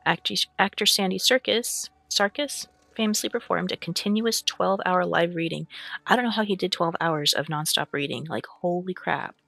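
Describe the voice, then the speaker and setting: Here a streamer and VTuber, hiccuping, rambles casually to chat with frequent fillers and throat clearing before reading a fantasy book aloud. The voice sits at medium pitch with a sharp tone and moderate pace, on a dry recording.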